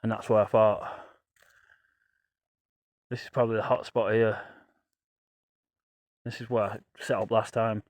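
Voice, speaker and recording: A man's voice: lowish voice, flat delivery, a little slow, long pauses, darkish tone, no echo. A man narrating a casual ghost-hunt vlog as a paranormal investigator, musing aloud to himself and to spirits. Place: outdoors on a path at night.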